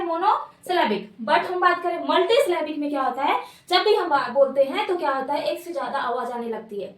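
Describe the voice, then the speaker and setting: A woman teaches grammar in a high, bright-pitched voice, posing questions and answering them herself. She repeats each key word. The mic sits well back, so the sound is roomy and echoey. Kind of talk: grammar lesson at a board. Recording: echoey room, mic at a distance.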